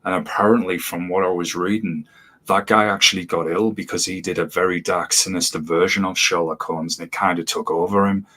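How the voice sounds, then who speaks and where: A man co-hosting a casual film chat, relaxed and agreeable, often saying "yeah". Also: sits low, a little fast. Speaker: podcast co-host.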